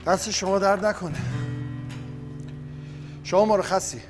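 An actor playing a bossy company owner in a TV series, who argues and shouts angrily. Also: male voice, high-pitched, long reverb tail, music in the background, natural voice. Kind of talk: TV series acting.

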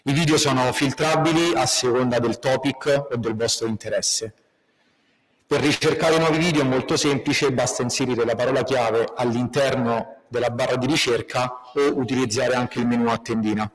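A man with a mid-pitched voice gives opening announcements for a tech meetup before handing over to the speaker. He hesitates often and restarts his sentences, speaking in a lecture hall. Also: steady tone, moderate pace, a little hiss or hum. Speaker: event organizer introducing the speaker. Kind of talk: event announcements.

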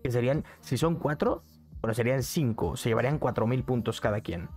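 A man's voice: medium pitch, brisk, a little mellow, soft background music. Man streaming, chatty and repetitive. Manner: chatty, repeats phrases, reads chat aloud. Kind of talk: casual live-stream chat. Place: bedroom streaming setup with neon lights. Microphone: studio mic on arm, headset.

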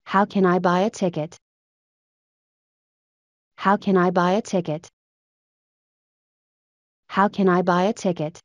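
Female teacher voice, slow repeated phrase drills, plain even reading, dry close sound. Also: on the low side, no room sound, dull audio. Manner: plain, evenly paced model reading. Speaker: English phrase reader.

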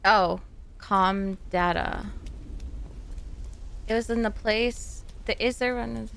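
A woman's voice: medium pitch, takes it slowly, gravelly, a bit bright, smooth. A young woman giving casual game playthrough commentary into a close desk microphone at home. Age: young adult. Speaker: game streamer. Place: small home room, indoors. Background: game ambience.

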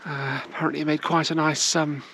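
Her voice is deep and fairly bright, with little pitch movement and a brisk delivery. A middle-aged travel vlogger, she narrates a walking tour of castle ruins unhurriedly and with many hesitations, filming on a handheld camera at arm's length amid outdoor background noise.

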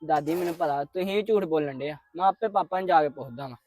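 Brief: a woman voicing a stubborn young grandson, rapid-fire and indignant. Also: sits low, a little mellow. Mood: resentful. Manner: quick, insistent, arguing. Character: young boy, defiant grandson. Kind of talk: family drama acting.

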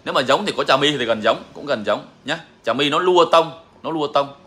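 Man, fairly high pitch, forceful tone, emphatic, repeats himself, casual live Q&A. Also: fairly quick. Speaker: songbird breeder answering viewers.

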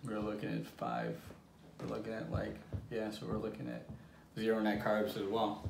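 A man co-hosting a home taste-test vlog in a loose, rambling way, often restarting his sentences. His voice sits fairly low. The recording is roomy and echoey, with a faint hiss behind it. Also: very animated, moderate pace, gravelly. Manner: rambling, restarts sentences, talks with mouth full. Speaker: vlog co-host. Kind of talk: casual taste-test chat. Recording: echoey room with faint noise.

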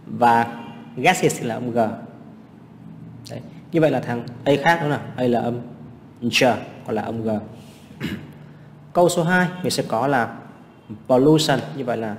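A man's voice: mid-range voice, normal speed, pauses often, big-room sound, slight background noise. A man teaching English exam practice, explaining answers step by step and asking rhetorical questions.

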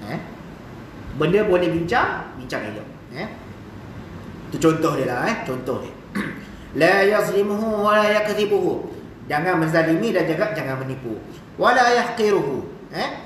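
A man's voice: high-pitched, fairly bright tone, slight background noise. A man with a Malaysian Malay accent giving a chatty mosque hadith lecture, often asking the hall "eh?" and "kan?". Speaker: religious lecturer. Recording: echoey mosque hall, mic far off.

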